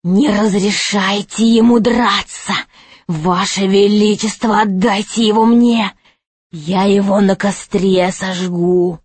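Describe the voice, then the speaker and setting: A woman doing a slow, spiteful bishop. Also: mid-range voice, fairly even intonation, a little mellow, husky, dry recording. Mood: vindictive. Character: cruel scheming old bishop. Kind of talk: audiobook character voice.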